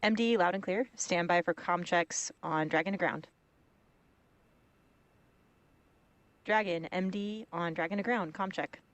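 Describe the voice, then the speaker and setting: A woman's voice: fairly low pitch, moderate pace, no room sound. A woman making procedural radio comm checks as a mission director.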